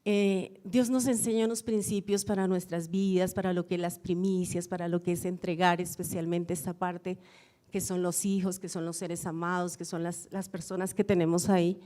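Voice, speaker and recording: Warm-voiced woman pastor preaching. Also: on the low side, little pitch movement, moderate pace. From Colombia. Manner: storytelling, reflective, repeats phrases for emphasis. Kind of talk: sermon.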